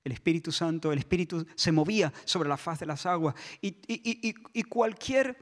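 A man from Spain, preaching a sermon in a church, impassioned, shifting between shouts and soft asides. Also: a little high, expressive, normal speed. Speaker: pastor.

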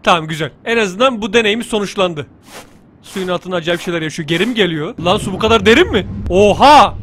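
Man, very high voice, bright and forceful, joking let's play commentary, excitable. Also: fast, a little hiss or hum. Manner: joking, teasing, excitable outbursts. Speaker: gaming YouTuber.

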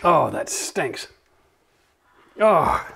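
A middle-aged man with a slightly high, gravelly, somewhat rough voice and a sharp tone hosts a DIY renovation video, walking through his work in a gutted bathroom. He speaks very slowly but is highly animated, chatty and upbeat, swearing and laughing freely.

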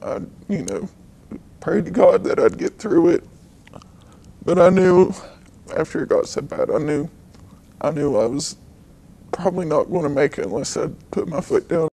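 A woman interviewee whose voice has been electronically altered to sound deep and disguised, speaking haltingly and repeating words. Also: lively intonation, vocal fry, dark tone, husky. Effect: voice altered to a deep, disguised pitch.

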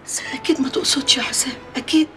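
A woman's voice: mid-range voice, expressive, fast talker, close to an everyday voice. An actress playing a pleading Egyptian mother. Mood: consoling. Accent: Egyptian Arabic. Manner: consoling, pleading. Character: soothing, pious mother. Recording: TV drama audio with music score.

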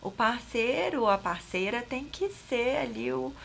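A woman's voice: a little high, lively intonation, unhurried, creaky, a bit bright, slight background noise. A woman doctor with a Brazilian accent, guesting on a talk show and speaking hesitantly, with many fillers and restarts. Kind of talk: casual talk-show conversation.

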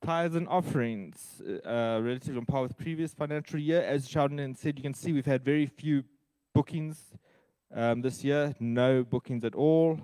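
Plain halting man, dry. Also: mid-range voice, darkish tone, smooth, dry recording, low-quality recording. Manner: plain, halting, many ums between items. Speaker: church treasurer giving financial report. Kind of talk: reading a financial report at a church meeting.

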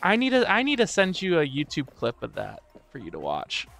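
A man's voice: a little high, wildly swooping pitch, brisk, vocal fry, fairly bright tone. A man streaming, chatting casually and joking with his co-streamer while greeting his chat by name.

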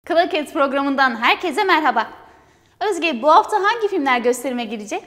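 Young woman host reading movie news, high voice, reverby. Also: lively intonation, moderate pace, a bit bright. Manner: formal read-aloud delivery. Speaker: film news presenter. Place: university television studio. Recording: hall reverb.

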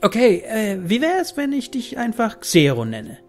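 A man plays a young girl from a video game in a very high voice. The girl is timid and astonished, with hesitant, wide-eyed phrasing. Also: huge pitch swings, unhurried, soft background music, heavily acted. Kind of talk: acted video game dialogue read aloud.

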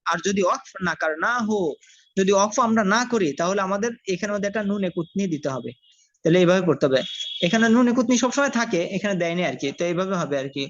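Woman teacher slowly drawing out recitations. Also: mid-range voice, animated, no room sound. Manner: slow drawn-out recitation between quick explanations. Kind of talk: online religious lesson. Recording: dry, dull lo-fi audio.

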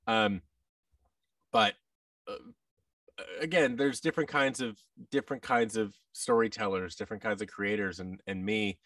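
An American actor and voice-over artist, appearing as a guest in a casual interview, speaks in a low-pitched male voice at a moderate pace with a fairly bright tone. He joins by video call from a large indoor room with tables, using a boom-arm microphone and headset. He sounds slightly distant, and there's no room sound.

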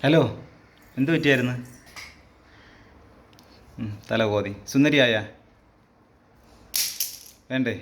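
A woman's voice: extremely low pitch, slow pace, pauses often. A woman, a parent, chatting casually and coaxing her small children in a soothing way. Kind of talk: casual family chat. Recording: faint background noise.

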